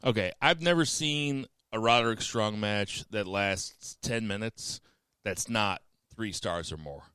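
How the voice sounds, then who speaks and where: A man's voice: fairly low pitch, a little slow, sharp tone, smooth, no echo. A man hosting a casual podcast chat, joking around and steering the conversation. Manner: joking, leads the show and hands off questions. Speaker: podcast host.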